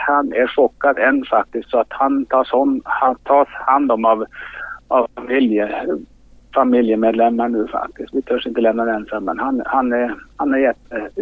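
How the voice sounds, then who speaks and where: A man leading a hunt, talking haltingly in a news interview and repeating his words as he searches for them. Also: medium pitch, no echo. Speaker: hunt leader interviewed by phone. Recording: tinny dry phone line.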